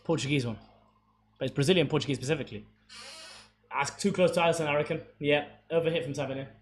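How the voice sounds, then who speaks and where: A young man calls the football live, his voice sitting high and jumping up when the play gets tense. He chats loosely with his viewers between the action. The sound is roomy and echoey, with a faint hiss behind him. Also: fast. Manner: casual, excitable play-by-play, talks to chat. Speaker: streamer commentating a football watchalong. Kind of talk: live match commentary and chat with viewers. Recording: echoey room with faint background noise.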